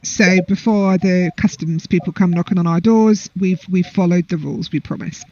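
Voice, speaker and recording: A woman's voice: fairly low pitch, normal speed, dark tone. Chatty English woman on lo-fi audio. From England. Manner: chatty, rambling, self-deprecating. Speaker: co-host. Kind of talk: casual chat. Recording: dull lo-fi audio.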